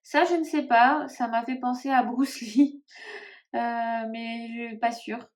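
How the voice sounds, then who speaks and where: A woman's voice: fairly high pitch, fairly even intonation, slow. Hesitant woman musing over tarot cards. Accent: northern French (Ch'ti). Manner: hesitant, musing, many fillers and trailing off. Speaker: tarot vlogger. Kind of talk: casual chat to camera.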